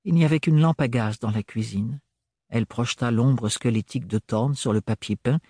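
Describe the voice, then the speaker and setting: A man narrating an audiobook in a measured, even reading. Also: mid-range voice, breathy edge, no echo, clean studio sound.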